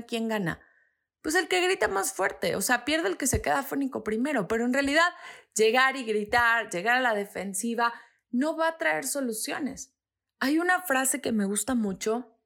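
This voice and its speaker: A podcast host in her thirties speaks with a slightly high voice. She explains patiently and earnestly, and her pitch jumps up whenever she stresses a point. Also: a bit bright. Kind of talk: reflective podcast monologue.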